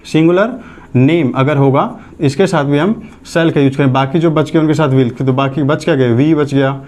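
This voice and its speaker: A man's voice: fairly high pitch, moderate pace, darkish tone. A man teaching English grammar in a classroom lecture, explaining step by step, dictating sentences word by word and asking whether the class has understood. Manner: explains step by step, asks checking questions.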